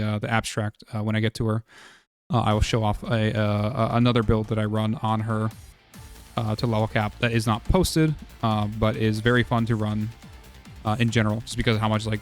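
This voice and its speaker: A man streaming casual game strategy talk, hoarse from losing his voice, rambling with many "uh"s and "like"s. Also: fairly low pitch. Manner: rambling, full of "uh" and "like".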